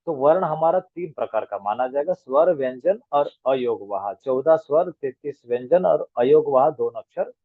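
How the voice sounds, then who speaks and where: In a tinny, dry video-call recording with no echo, a man with a fairly high voice teaches an online grammar class, patiently spelling out letter sounds one by one.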